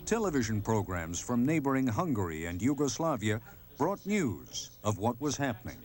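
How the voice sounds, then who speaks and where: A man narrating a television news documentary in a measured, solemn scripted delivery. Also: mid-range voice, big pitch swings.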